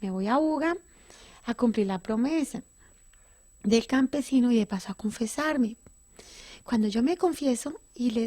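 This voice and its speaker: A woman's voice: on the high side, warm tone, husky. A middle-aged woman giving an earnest, emotional personal testimony in an interview, often restarting and correcting herself.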